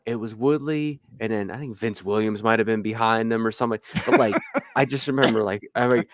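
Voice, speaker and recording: A man co-hosting a sports podcast, telling a story in animated casual chat with plenty of swearing. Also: fairly low pitch, fairly quick, dry recording, studio quality. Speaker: podcast co-host.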